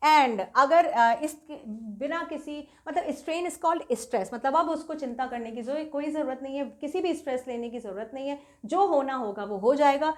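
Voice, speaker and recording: High-voiced woman teaching a literature lesson. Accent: Indian. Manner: explains step by step, slow deliberate read-aloud of passages. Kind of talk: bilingual literature lesson, explaining and reading aloud.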